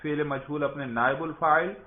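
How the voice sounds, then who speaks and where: A man's voice: on the high side, fairly even intonation. A man teaching a grammar lesson in class, patiently quizzing a student and repeating the answers back. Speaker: religious school grammar teacher. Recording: echoey room over a tinny narrow line.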